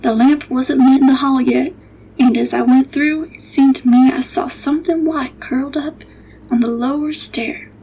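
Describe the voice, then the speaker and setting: A gentle old nursemaid telling a hushed ghost tale at bedtime, as a woman plays her. The voice is high and soft, and it keeps dropping into a breathy whisper. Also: steady tone, normal speed, a little hiss or hum, rough recording. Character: older woman servant, gentle storyteller nurse.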